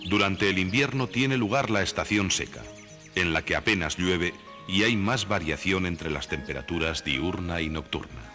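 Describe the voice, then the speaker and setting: A man reading scripted nature documentary narration in a measured, didactic way. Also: sits low, bright, forceful tone. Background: background music.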